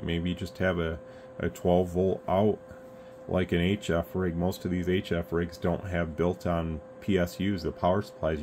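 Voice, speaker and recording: Speaking to the camera from a radio workbench room indoors, a man who reviews radios on YouTube rambles through his opinions in an earnest, conversational tone. His voice is very deep, and a constant background hum of room noise comes through clearly.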